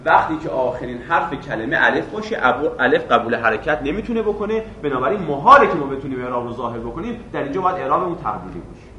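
A man's voice: mid-range voice, lively intonation, bright, forceful tone, recorded from a distance, dull audio, a little hiss or hum. Man lecturing in a very echoey room. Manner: asks the class questions and answers them himself; stretches out example words slowly. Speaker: Arabic grammar teacher. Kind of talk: classroom lecture.

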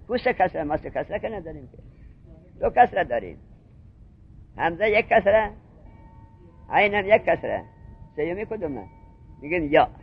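Teacher, male, high lively voice, breathy, muffled lo-fi lecture tape, quizzes the room. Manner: questioning, repeats points to drill students. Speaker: seminary teacher. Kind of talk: classroom lecture on Arabic grammar.

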